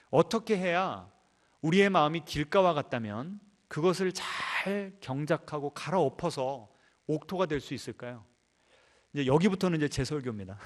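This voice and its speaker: A male pastor preaching a sermon in a church, asking the congregation rhetorical questions and building to emphatic peaks. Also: on the high side. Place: church sanctuary.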